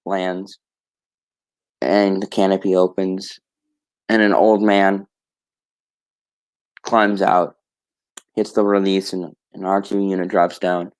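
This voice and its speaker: Rambling male streamer, lowish voice. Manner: rambling, many restarts and self-corrections; casual, swears offhandedly. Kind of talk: casual storytelling monologue.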